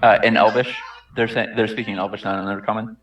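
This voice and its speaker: A man's voice: lowish voice, steady tone, quick pace, lo-fi sound. A man playing a tabletop roleplaying game, explaining things in casual talk. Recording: slightly distant mic, faint music behind.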